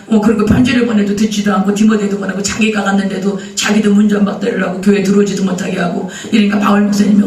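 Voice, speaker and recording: A man preaches in a high voice, telling the story with lively questions thrown to his congregation. He is recorded from a bit away from the mic. The sound rings around a large, echoey church sanctuary. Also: distant mic. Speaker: pastor. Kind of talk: sermon.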